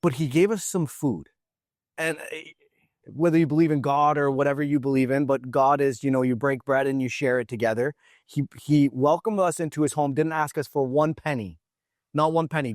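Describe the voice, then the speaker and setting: A man's voice: a little high, no echo, studio quality. A man from Canada, a podcast guest, telling stories with emotion and acting out what people said. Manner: animated, emotional storytelling, acts out quotes. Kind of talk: casual podcast conversation.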